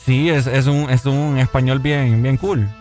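A man's voice: medium pitch, unhurried, faint music behind. A man co-hosting a radio show, joking around in casual chat and imitating accents. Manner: jokey, animated, imitates accents. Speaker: radio co-host.

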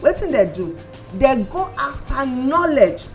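A woman's voice: high-pitched, very animated, measured pace. Nigerian woman hosting in Pidgin, music behind. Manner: emphatic, repeats words and phrases. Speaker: radio talk show host. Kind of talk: casual current-affairs chat in Nigerian Pidgin.

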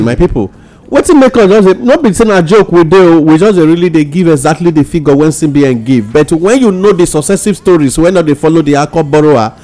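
A man's voice: a little high, a little mellow. A Nigerian man speaking Nigerian Pidgin as host of a radio talk show discussion.

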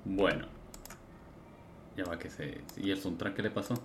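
A man's voice: low-pitched, a little slow, a little hiss or hum. A man, co-hosting a casual chat and cutting in to steer the talk. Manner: prodding, interrupts to steer. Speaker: podcast co-host.

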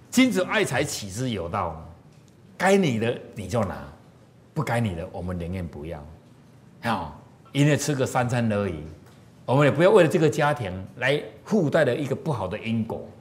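Man, storytelling lecture, animated, audience questions. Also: mid-range voice. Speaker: moral teacher.

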